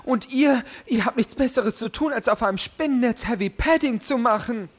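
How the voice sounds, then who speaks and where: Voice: medium pitch, normal speed, lightly acted. An actor playing a self-pitying, sassy little male companion who nags theatrically in an audio drama. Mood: indignant. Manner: theatrical nagging, indignant.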